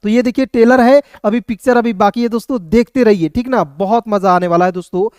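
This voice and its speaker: An English teacher gives a casual spoken lesson, constantly calling listeners friends, asking and answering his own questions, and often checking they understood. His voice is high-pitched yet darkish and smooth, fairly quick with a steady tone, recorded dry.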